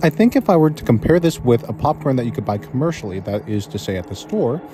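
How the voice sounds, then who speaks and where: A man's voice: medium pitch, very animated, fast, music in the background. A man reviewing food in a casual way, talking with food in his mouth, hesitant and earnest as he weighs his words.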